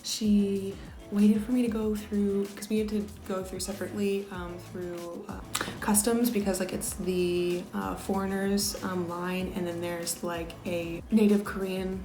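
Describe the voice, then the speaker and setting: A woman's voice: medium pitch, level tone, unhurried, reverberant, music in the background. A young American woman vlogger telling a story in a chatty way, full of fillers, sometimes dropping to a near whisper. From United States. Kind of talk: casual storytelling.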